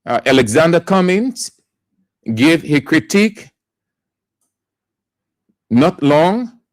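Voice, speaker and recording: A man's voice: fairly high pitch, very animated, takes it slowly, dry recording. A Liberian man hosting a radio talk show, giving emphatic political commentary and repeating key words for stress.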